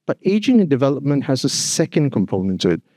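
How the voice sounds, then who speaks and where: In a hotel conference hall, a man from Singapore gives an earnest, emphatic formal opening address, peppered with "you know" and "actually." He talks fast and very animatedly in a dark, mid-range voice. The sound is dry and clean, studio-like.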